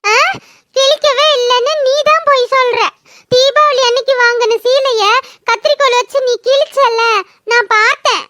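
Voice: very high voice, steady tone, normal speed, bright, forceful tone, slight background noise. An adult performer voicing a cheeky, insistent little boy in a cartoon. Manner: pert, insistent. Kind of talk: cartoon voice acting.

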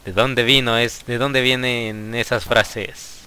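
This slow, mid-range male voice comes with a slight hiss or hum in the recording. It belongs to a young Mexican Spanish-accented gaming YouTuber who talks casually to his audience during a let's play, exclaiming eagerly at what happens on screen.

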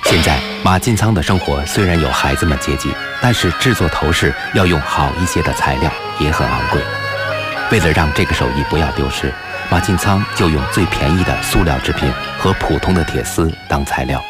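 A man giving measured, solemn scripted narration for a documentary. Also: very deep voice. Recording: loud background music.

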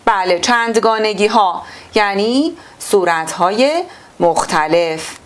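A woman's voice: medium pitch, animated. Woman teacher explaining a lesson. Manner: reads the text slowly, then explains to the children; asks the class questions and answers them herself. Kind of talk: online sixth-grade literature lesson.

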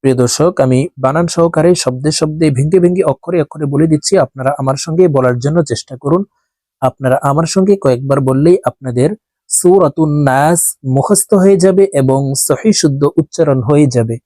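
A man teaching Quran recitation step by step, spelling words letter by letter in an earnest, repetitive way and chanting long drawn-out verses. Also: a little high, dark tone, dry recording.

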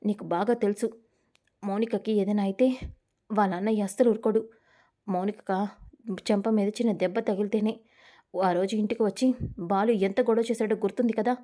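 A woman's voice: mid-range voice, fairly even intonation, warm tone, natural voice. A woman voicing an anxious, nagging middle-aged mother calling her son in a spoken story. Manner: nagging, quick.

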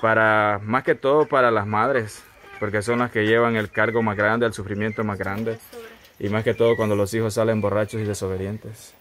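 Earnest low-voiced man giving a reflection. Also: little pitch movement, moderate pace, fairly bright tone. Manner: earnest, moralizing, tag questions. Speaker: host. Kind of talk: reflective talk to viewers.

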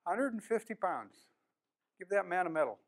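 An American beekeeping speaker in his sixties gives a plain-spoken conference lecture in a classroom, asking the audience questions along the way. His high voice is sing-song, at a moderate pace.

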